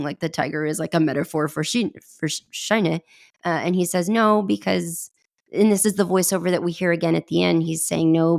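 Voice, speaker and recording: Low gravelly woman podcast co-host. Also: darkish tone. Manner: emotional retelling, voice catching near tears. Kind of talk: casual film discussion.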